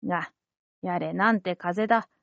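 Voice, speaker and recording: A woman voicing a gruff, fatherly old fisherman who talks low and quietly in a rustic way. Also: a little slow, no echo, dull audio. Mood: soothing. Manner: low, subdued country talk.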